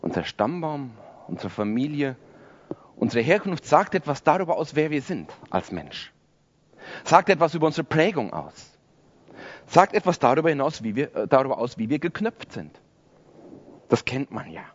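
A man's voice: a little high, sing-song, moderate pace, pauses often, highs cut off. A man in his forties preaching a sermon to a congregation, conversational and self-deprecating. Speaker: pastor. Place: church service before a congregation.

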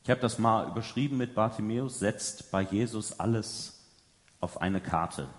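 A man's voice: fairly low pitch, normal speed. German preacher man in an echoing hall. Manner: conversational, often adds a questioning "ja". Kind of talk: sermon. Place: large hall before an audience. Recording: long hall reverb.

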